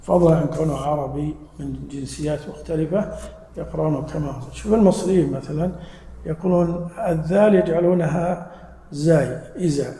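A man's voice: on the high side, brisk, dark tone. A man teaching a religious lesson to a live audience, explaining patiently and quizzing listeners with questions. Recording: echoey hall with long reverb.

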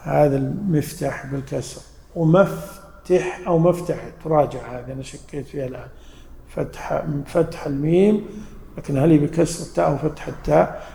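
A man teaching a classroom lesson on scripture, explaining slowly and stopping to check words with his students. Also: fairly high pitch, gravelly, mellow, slight background noise. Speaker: teacher of Quran interpretation. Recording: echoey room, long reverb.

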